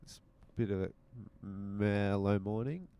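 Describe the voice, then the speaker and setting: A man's voice: lowish voice, slow, dark tone, clean tone. A man hosting his own podcast, chatting casually and teasing in a mock-stern way from inside his car. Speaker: podcast host. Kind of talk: casual rambling monologue while driving. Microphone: handheld mic with headphones.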